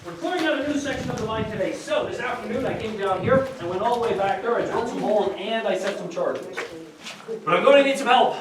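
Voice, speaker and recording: A man leading a guided tour through an underground coal mine, explaining things step by step in a plain, lively way with gentle jokes. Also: high-pitched, fast, far from the mic, background noise. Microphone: visitor's handheld camera from a few steps away. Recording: echoey mine tunnel, voice from off-mic.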